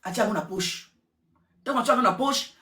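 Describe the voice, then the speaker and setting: A woman giving casual gossip commentary, repeating words and switching languages in an excitable way. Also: fairly high pitch, normal speed. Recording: roomy echo, distant from mic.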